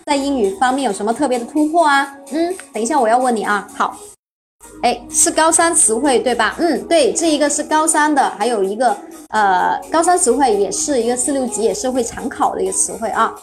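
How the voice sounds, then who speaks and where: High-voiced woman teaching English vocabulary. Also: animated, a little fast, faint music behind. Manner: spells words letter by letter, asks the class questions; encouraging, praises often. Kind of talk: live-streamed vocabulary lesson.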